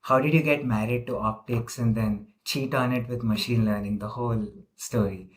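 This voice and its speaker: A man's voice: mid-range voice, fairly even intonation, normal speed. A man interviewing a guest in casual chat, talking loosely with many "like" fillers. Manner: chatty, filler-heavy with "like".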